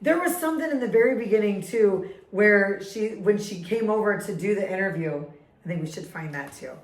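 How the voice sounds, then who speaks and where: A woman's voice: medium pitch, echoey room, low-quality recording. Giggly woman chatting about a book. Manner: giggly, animated, quick bursts. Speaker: podcast co-host. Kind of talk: casual book-club chat.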